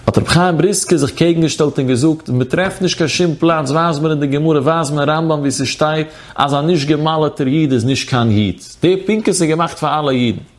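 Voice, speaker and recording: A man's voice: on the high side, fairly quick, hardly any pauses. Man giving a sing-song Talmudic lecture. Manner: sing-song study chant, quoting texts. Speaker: Torah teacher.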